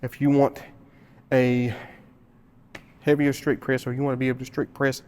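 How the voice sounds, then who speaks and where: A man talks through his shoulder workout in a gym, slightly winded from a cold. He repeats himself to drive points home, in an ordinary mid-pitched voice picked up by the camera mic. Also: level tone, moderate pace, a little mellow, clear, resonant tone. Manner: explains with repetition, grunting effort between sets. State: out of breath. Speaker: fitness vlogger. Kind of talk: casual gym explanation.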